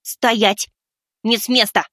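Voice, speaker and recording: A man voicing a panicked young man who yells threats in a shrill, frantic voice. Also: fairly even intonation, slow pace, no echo, studio quality, exaggerated voice. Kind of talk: audiobook story narration.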